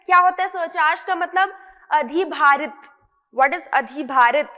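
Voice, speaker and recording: A woman's voice: sits high, a little slow, pushed and bright, in a large hall. A woman teaching English vocabulary in an explanatory lesson, mixing Hindi and English and asking and answering her own questions.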